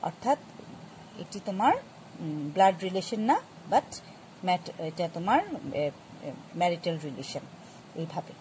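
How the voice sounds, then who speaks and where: A woman teaching a grammar lesson, explaining patiently to students with many pauses and restarts. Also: fairly low pitch, expressive, darkish tone, slight background noise, poor audio. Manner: patient, addresses students directly. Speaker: English teacher.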